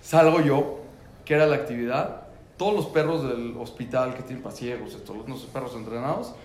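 A man's voice: mid-range voice, fairly quick, darkish tone, roomy sound, a little hiss or hum. A man telling a personal story about his son, earnest and full of repeated words and restarts.

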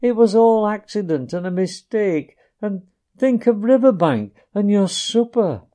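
A man's voice: sits high, expressive, a little slow, dark tone, pitched above the performer's own voice. A man voicing a tearful, timid little male mole who stammers and pleads through broken sobs. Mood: pleading.

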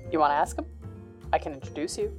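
A woman's voice: deep voice, fast talker, soft background music, lightly acted. A woman playing a cocky, teasing 1930s-style gangster boss in a noir audio drama, talking in sardonic old-time slang.

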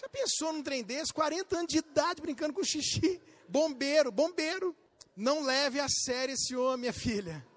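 A man with a Brazilian accent preaching a sermon as a pastor, talking straight to his listeners with questions and acting out little scenes with sudden shouts. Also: very high-pitched, normal speed, hardly any pauses. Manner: animated, acts out quotes and bursts into shouts; addresses listeners directly with questions.

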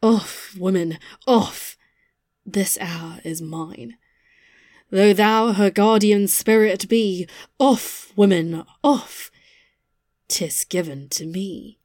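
A man's voice: high-pitched, slow pace, few pauses, no echo, studio quality, pitched above the performer's own voice. A man voicing an eerie, commanding noblewoman in a dramatic poetry reading, at times sinking to a hollow whisper. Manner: shifts to a hollow hushed whisper.

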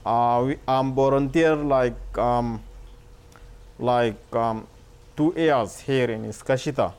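A man from Sudan with a Sudanese accent, telling his life story haltingly in simple learner's English, often repeating words. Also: medium pitch, a little mellow, clear, resonant tone. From Darfur, Sudan. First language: not English. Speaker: refugee volunteer, former farmer.

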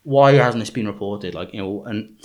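A man's voice: on the low side, moderate pace. A man hosting a podcast in casual chat, rambling with many fillers and restarts. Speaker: podcast host.

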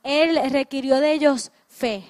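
A woman's voice: sits high, unhurried, darkish tone. A woman interpreting a sermon phrase by phrase, restarting mid-word and hesitating as she searches for words.

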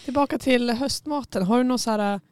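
Mellow-voiced woman co-host asking questions. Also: on the high side, clear, resonant tone, no echo. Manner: curious, hedging, talks in fillers like "alltså". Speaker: podcast co-host. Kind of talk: casual chat. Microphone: studio mic.

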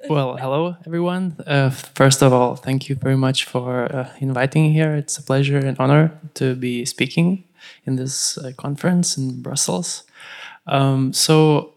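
A man with a Lithuanian accent speaks as a guest on a panel. His delivery is slow and halting, with hesitant gaps between phrases and little movement in pitch. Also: steady tone, creaky. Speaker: guest panelist, community radio co-founder. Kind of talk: panel introduction speech.

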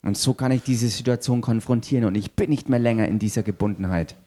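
A man's voice: medium pitch, quick pace. A man interpreting a sermon live, matching the preacher's energy. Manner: mirrors the preacher's energy, echoing shouts.

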